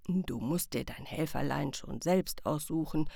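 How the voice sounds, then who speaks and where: A croaky, kindly old inventor, put on by a woman narrator speaks low and unhurried. He gently urges a child on in a storybook voice. The recording is dry and close. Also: no room sound, full character voice. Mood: gently instructive.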